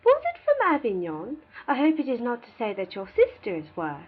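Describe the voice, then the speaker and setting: A woman voicing a nosy, gossipy older matron who teases and pries in an excitable way. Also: a little high, fairly quick, slightly rough, phone-quality sound, voice pushed up, exaggerated voice. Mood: teasing, prying. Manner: prying, teasing, excitable.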